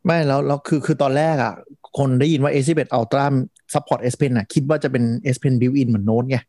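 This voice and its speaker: A man's voice: medium pitch, moderate pace, mellow, no room sound, clean studio sound. A man co-hosting a casual tech podcast, patiently explaining how things work.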